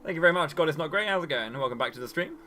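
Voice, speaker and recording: A man livestreaming his speedrun, chatting quickly and teasingly over a headset mic while he plays. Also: on the high side, animated, bright, forceful tone, soft background music. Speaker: speedrunner streaming his run. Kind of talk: casual chat while playing.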